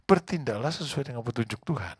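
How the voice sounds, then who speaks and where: A man, a pastor, preaching a conversational, animated sermon and asking the congregation questions. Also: medium pitch, fast, husky, dry recording, clean studio sound.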